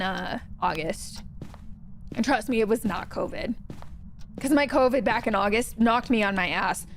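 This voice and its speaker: Greeting her viewers by name, a young woman chats casually while livestreaming a ghost-hunting game. Her voice is on the high side, with slight noise in the background.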